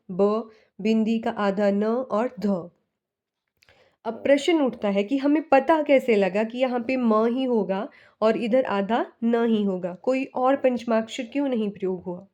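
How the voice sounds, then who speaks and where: A woman's voice: a little high, warm tone. A woman teaching a Hindi lesson in a classroom style. She asks a question and then answers it herself, and she drills each sound one by one.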